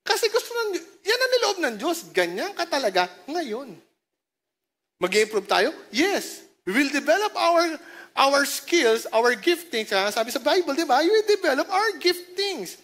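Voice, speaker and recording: Filipino woman pastor, high voice, playful sermon, calls out to the crowd. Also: sing-song, a bit bright. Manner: playful, calls out to the congregation and jokes with them; mixes languages in quick phrases. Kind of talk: sermon to a congregation. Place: church service.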